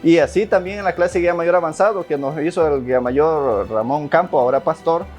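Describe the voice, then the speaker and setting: A man's voice: on the high side, a little fast, a little mellow. A man in a documentary interview, speaking earnestly about his father, hesitating and repeating words often. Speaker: interviewee, son of the subject. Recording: dull lo-fi sound with faint music.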